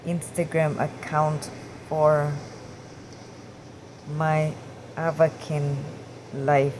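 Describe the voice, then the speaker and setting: A woman vlogger talking casually and hesitantly, with many pauses, fillers and restarts. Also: sits low. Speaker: gaming vlogger. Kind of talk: casual talk to camera. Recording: noisy room with air conditioning hum.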